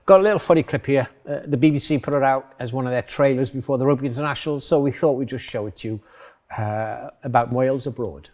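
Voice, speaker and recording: A man's voice: medium pitch, fast talker, darkish tone. A man from England, hosting an online church service in a jokey, chatty way. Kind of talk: casual chat.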